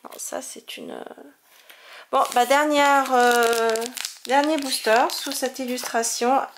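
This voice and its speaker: A woman's voice: high-pitched, steady tone, slow pace, a little hiss or hum. A woman chatting casually as she opens trading cards, exclaiming over each one and stumbling over hard names. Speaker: card-opening video host. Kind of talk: casual card-unboxing commentary.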